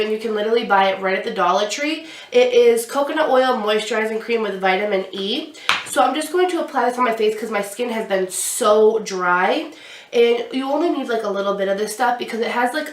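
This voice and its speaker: Her pitch fairly high, a young beauty vlogger with a stuffy nose talks casually through her makeup routine, explaining each product as she puts it on. The small room behind her has a glittery backdrop, and the recording sounds roomy, with the mic somewhat distant.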